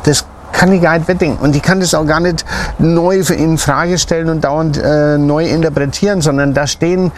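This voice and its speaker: Guy chef talking about pasta etiquette, a bit high voiced, says uh a lot, faint noise around. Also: fairly even intonation, moderate pace, darkish tone. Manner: explains tradition earnestly, with many fillers. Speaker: chef guest. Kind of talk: casual cooking chat.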